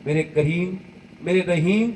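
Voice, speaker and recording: A man preaching outdoors voices a poor young woman who pleads with God in tears, his voice raised in pitch. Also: a little mellow, far from the mic, a little hiss or hum, lightly acted. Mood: pleading. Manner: tearful, pleading.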